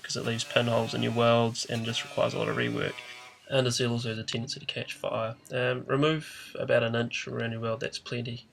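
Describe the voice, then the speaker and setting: A man's voice: mid-range voice, vocal fry, a bit bright. A man giving an informal, hesitant how-to voice-over in a matter-of-fact way, his voice nasal and congested as if he has a blocked nose. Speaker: DIY car repair presenter. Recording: noticeable background noise.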